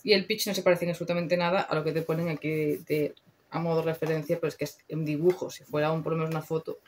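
This beauty vlogger is a young woman with a Spain Spanish accent, talking fast in a low, flat voice. Her makeup review is casual and full of slang, and she swears freely.

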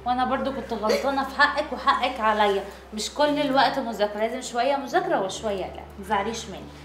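Woman as warm-hearted Egyptian mom, high, brisk, tender, echoey room. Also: close to an everyday voice. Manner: tender, coaxing. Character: affectionate mother, adult woman. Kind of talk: family skit acting.

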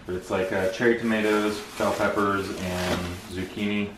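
A man in his twenties with an American accent chats casually about his grocery haul as a vlogger, low-key and matter-of-fact, with little pitch movement and a moderate pace. He's in an open kitchen and dining room at home, picked up by a camera a few feet away. The room is echoey, with clear background noise and rustling clicks.

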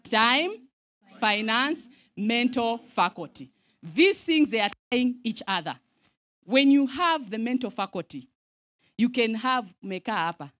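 A Zambian woman in her thirties gives a lively, sermon-style teaching at a camp meeting in a large outdoor tent, speaking into a handheld microphone. She mixes Swahili phrases into her English and calls for responses from the audience. Her voice is a little high and unhurried.

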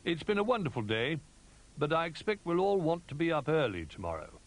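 A man voicing a gentle, encouraging old male teddy bear in a storybook. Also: fairly high pitch, sing-song, a little fast, pitched above the performer's own voice. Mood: kindly.

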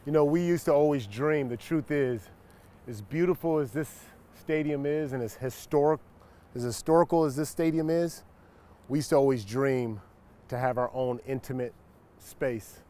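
A man's voice: medium pitch, moderate pace. A man in his forties, a former football player, casually recounting memories while walking through an empty locker room and stadium. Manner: relaxed, reflective, animated when greeting a friend. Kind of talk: casual storytelling walk-and-talk.

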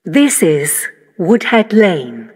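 A woman's voice: lowish voice, big pitch swings, drawn-out words, a little mellow, slightly rough. Woman's spliced-together train announcements. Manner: stilted, pieced-together phrasing. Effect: spliced-together recorded words.

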